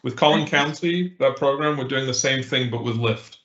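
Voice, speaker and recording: A man's voice: medium pitch, moderate pace, a bit bright, a little hiss or hum. A man giving a businesslike update in a meeting, heard over a glitchy call line that cuts out, with frequent uhs and restarts. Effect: glitchy, cutting-out call audio. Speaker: transit agency presenter. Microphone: remote video call. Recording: dull, echoey remote call audio.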